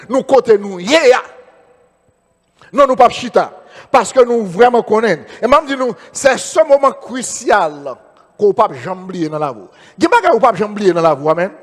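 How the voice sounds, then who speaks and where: A man's voice: high voice, big-room sound. A man with a Haitian Creole accent preaching a sermon as pastor, repeating phrases and calling out amen. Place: church.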